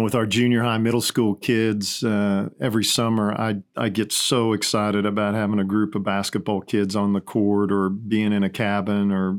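A man who coaches at a camp, a podcast guest, telling stories enthusiastically with many restarts. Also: on the low side. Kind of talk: podcast conversation.

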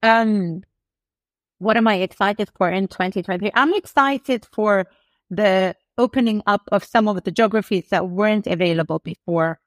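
A middle-aged woman speaks as a podcast guest, articulate and emphatic, building her points with energy. Her voice sits at an ordinary middle pitch. The recording is dry and close, with no room sound. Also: normal speed, dry recording. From United Kingdom. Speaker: guest, e-commerce executive. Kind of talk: podcast interview.

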